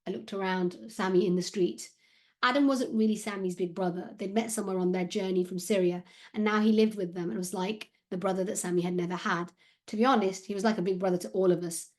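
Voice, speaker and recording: A woman author reading the first chapter of her children's novel, in an expressive, steady storytelling manner. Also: mid-range voice, fast.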